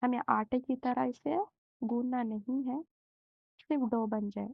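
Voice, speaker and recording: A young woman hosting a home cooking channel, walking through a recipe step by step in a slow, gentle way with many hesitations. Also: a little high, steady tone, vocal fry, husky, no room sound, narrow, tinny audio.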